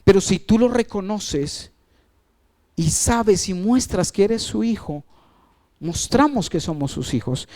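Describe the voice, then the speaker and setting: Preaching pastor with sweeping delivery. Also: male voice. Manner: asks the congregation questions and answers them; wide swings of pitch and loudness, trailing off at phrase ends. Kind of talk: sermon.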